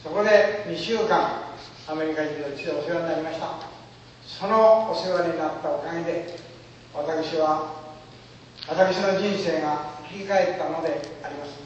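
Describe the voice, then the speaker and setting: A man with a high, light voice gives a dramatic, formal storytelling speech, pausing for effect. He is picked up from far off in a large hall, with long reverb ringing around him. The sound is a little dull and muffled. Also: a little hiss or hum. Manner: formal oratorical phrasing, emotive pauses. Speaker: speaker.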